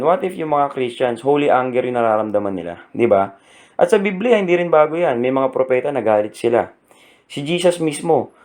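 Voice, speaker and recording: A man's voice: mid-range voice, a little mellow. A man preaching in a mix of Tagalog and English, earnest and often asking his listeners for an "Amen". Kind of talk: Taglish sermon talk.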